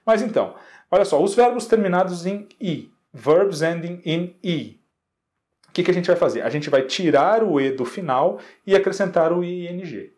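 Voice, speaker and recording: A man's voice: on the high side, darkish tone. A Brazilian man teaching an English grammar lesson, explaining patiently and checking in with his students often. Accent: Brazilian Portuguese. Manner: slows down to pronounce English examples.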